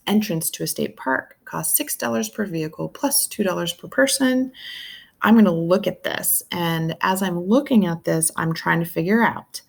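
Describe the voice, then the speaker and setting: Low, gravelly woman teaching math. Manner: thinking aloud step by step, asks the viewer "right?". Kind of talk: recorded math lesson.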